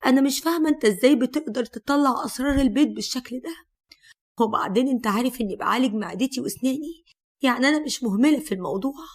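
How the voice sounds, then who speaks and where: A woman's voice: high-pitched, very fast. A woman with an Egyptian accent voicing a hurt, indignant young wife who keeps questioning sharply.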